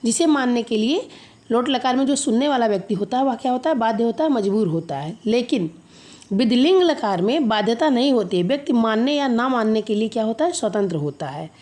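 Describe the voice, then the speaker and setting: A woman teacher with a fairly high voice explains a grammar lesson. She poses questions to her students and answers them herself. She slowly recites lists of verb forms for them to repeat. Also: lively intonation, darkish tone.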